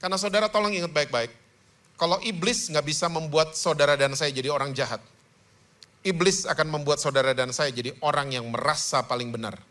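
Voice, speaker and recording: A male pastor preaching a sermon with animated delivery, often checking in with the congregation. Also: fairly high pitch, a little fast. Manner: animated, with rhetorical "hmm?" prompts to the congregation.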